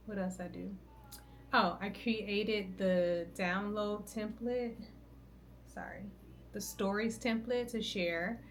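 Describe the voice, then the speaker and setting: A worn-out woman in middle age talks straight to camera from her home, chatty and loose, often breaking off mid-thought and circling back. Her voice sits at an ordinary middle pitch, with a faint hiss of noise behind it. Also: fairly bright tone. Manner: chatty, rambling and self-interrupting, thinking aloud. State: tired, out of breath at times. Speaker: content creator vlogging her routine. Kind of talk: casual vlog talk to camera. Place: at home, indoors.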